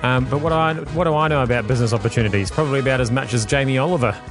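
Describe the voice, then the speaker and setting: A man's voice: mid-range voice, rapid-fire. Kiwi guy doing dry jokey radio links, music going under him. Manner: dry, wry joking. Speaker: radio co-host. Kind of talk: comic radio segment links.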